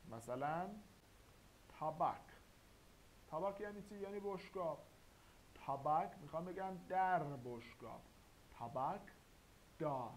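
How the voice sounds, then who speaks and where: A man teaching a grammar lesson, slow and deliberate, spelling out sounds one by one. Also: a little high, poor audio. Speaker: language teacher. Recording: faint hiss.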